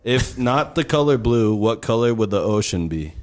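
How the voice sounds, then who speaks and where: A man's voice: lowish voice, lively intonation, normal speed. A man in his late twenties hosting a casual podcast, with loose, profane banter. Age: 20s. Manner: profane, laid-back banter. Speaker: podcast host.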